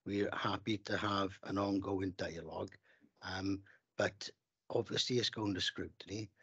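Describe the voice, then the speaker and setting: A man speaks up in a council debate, his voice low and heavily husky. He hesitates often and clears his throat as he makes his offer. The sound is close and dry, with little room around it. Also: fairly even intonation, a little slow, fairly bright tone, dry recording, muffled recording. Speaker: council member. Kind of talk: formal meeting debate.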